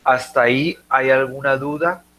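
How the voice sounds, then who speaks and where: A man's voice: medium pitch, steady tone, normal speed, fairly bright tone. A man teaching a class, explaining patiently and checking in with his students often. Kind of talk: classroom lecture.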